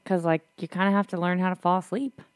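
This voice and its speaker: Young woman, lowish voice, dry recording, easygoing parenting chat. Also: level tone, fast talker, smooth, no echo. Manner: easygoing, affirming. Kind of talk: casual chat about parenting.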